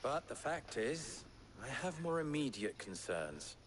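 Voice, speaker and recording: An actor playing a wry, worldly male town leader in a video game, speaking in a dry, measured way. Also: mid-range voice, big pitch swings. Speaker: game character. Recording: game audio with clear background noise.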